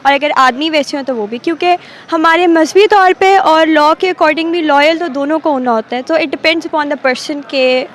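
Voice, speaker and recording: A woman's voice: high-pitched, normal speed, hardly any pauses. An eighteen-year-old woman from Pakistan, a pre-medical student, chatting at length with light teasing in a street interview outdoors. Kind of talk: casual street interview chat.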